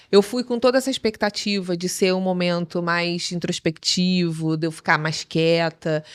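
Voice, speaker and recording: A woman guest on a podcast, recounting events in casual chat and acting out what people said. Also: lowish voice. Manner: animated, acts out quoted voices.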